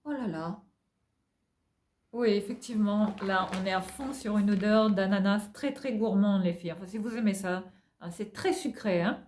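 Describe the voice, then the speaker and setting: A woman's voice: medium pitch, moderate pace, a little mellow. Chatty French woman doing a product haul. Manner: chatty, tags most phrases with "hein"; gushing about products. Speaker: haul vlogger. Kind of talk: casual product haul chat.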